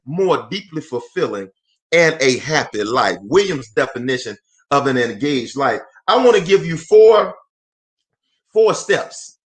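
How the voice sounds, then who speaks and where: Fervent, high-voiced man preaching motivation. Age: 40s. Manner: fervent, repeats phrases for emphasis, calls out to viewers; preacher-like cadence. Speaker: motivational speaker and host. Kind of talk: live-streamed motivational talk.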